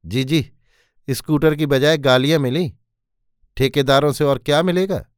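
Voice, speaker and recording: A man voicing a quick-tempered, bitter middle-aged mother in a spoken story, scolding her son and his wife. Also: on the high side, clear, resonant tone, no room sound, clean studio sound, close to an everyday voice.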